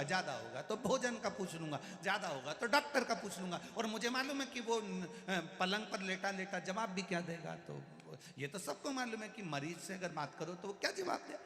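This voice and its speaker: Brief: male religious storyteller, bright, forceful tone, long hall reverb. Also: sits high, moderate pace, few pauses. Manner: animated storytelling with humor and acted dialogue. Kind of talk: devotional sermon storytelling.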